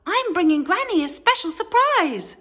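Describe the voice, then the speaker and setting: Woman playing little storybook girl, high-pitched, innocent, cheerful, sing-song, swooping exclamations. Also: sing-song, moderate pace, a bit bright, heavily acted. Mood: cheerful, eager. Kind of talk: storybook character voice.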